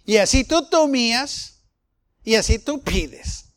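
A man's voice: very high-pitched, lively intonation, measured pace, fairly bright tone. A man preaching a sermon, firing rhetorical questions at the congregation and acting out the people he quotes. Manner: fervent, rhetorical questions, acts out quoted voices.

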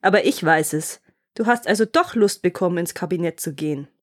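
A woman's voice: on the low side, brisk, close to an everyday voice. A woman voicing a cruel, murderous nobleman husband in a fairy-tale reading, harsh and commanding as he issues threats. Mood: menacing.

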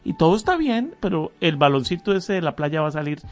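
A man's voice: fairly high pitch, sing-song, brisk, faint music behind. A man hosting a faith interview, reflective and encouraging as he asks questions. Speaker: host.

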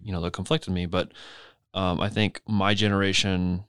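A man's voice: sits low, level tone, normal speed, fairly bright tone, smooth, no room sound, studio quality. An eighteen-year-old man in college, talking earnestly and a little hesitantly in a casual family podcast chat. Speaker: podcast guest, son.

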